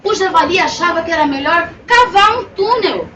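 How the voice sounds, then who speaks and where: A woman tells a children's story with animated, expressive delivery. Her voice is high and swings widely. She is picked up from afar in a roomy bookstore, with crowd murmur and noise behind her. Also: normal speed, distant mic, highs cut off. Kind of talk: dramatized children's story narration. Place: bookstore, indoors, live audience.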